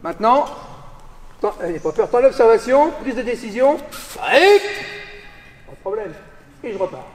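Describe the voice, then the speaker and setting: A man teaching an aikido class in a gymnasium, calling out drill commands, often shouting. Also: very high voice, big pitch swings, normal speed, pauses often. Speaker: aikido instructor. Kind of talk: teaching a group class on the mat. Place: large gymnasium. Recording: echoey gym from far off, with noise.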